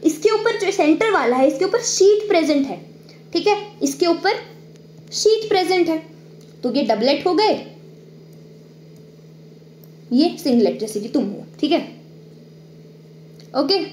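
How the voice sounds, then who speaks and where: High-voiced woman teaching biology. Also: expressive, takes it slowly, long pauses, a little mellow, roomy sound, a little hiss or hum. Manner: explains step by step, checks in with "ठीक है"; drawing on screen while talking. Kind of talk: online exam-prep lecture.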